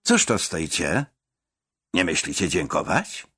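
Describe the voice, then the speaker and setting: A man's voice: deep voice, sing-song, slow, fairly bright tone, slightly rough, no echo, clean studio sound, pitched below the performer's own voice, heavily acted. A man voicing a pompous, mustached official who lectures young men in a grand, preaching tone, for an audiobook.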